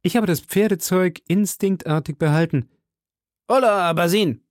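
A man's voice: sits high, unhurried, darkish tone, no echo, studio quality, pitched above the performer's own voice. A man reading an audiobook voices a refined, vain young musketeer with an airy, affected way of talking. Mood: airy lively.

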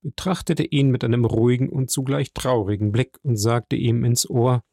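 A man reading a classic novel aloud as an audiobook narrator, in a measured way. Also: mid-range voice, steady tone, dark tone, dry recording, clean studio sound. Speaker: audiobook reader. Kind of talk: scripted narration.

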